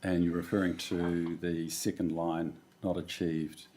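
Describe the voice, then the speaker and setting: A man's voice: deep voice, flat delivery, a little slow, mellow. A man with a New Zealand accent at a council meeting, explaining finances in plain terms with everyday examples.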